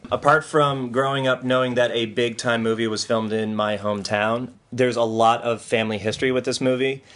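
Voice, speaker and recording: A man's voice: medium pitch, fairly even intonation, brisk, a bit bright. A man from Ohio, a podcast co-host, talking casually and enthusiastically about movies and laughing often.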